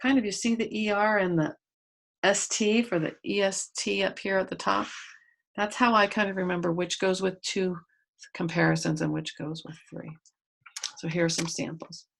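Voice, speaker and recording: A woman's voice: mid-range voice, steady tone, moderate pace, vocal fry. A woman teaching a grade school grammar lesson to pupils at home, patiently explaining step by step and spelling out letters.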